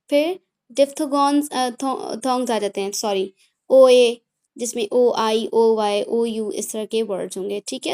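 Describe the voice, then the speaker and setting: A woman's voice: on the high side, a little mellow. A woman teaching parents how to teach phonics step by step, switching between Hindi and English and checking in often as she explains. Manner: mixes Hindi and English, explanatory, frequent "theek hai" check-ins; self-correcting with apologies. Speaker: phonics tutor.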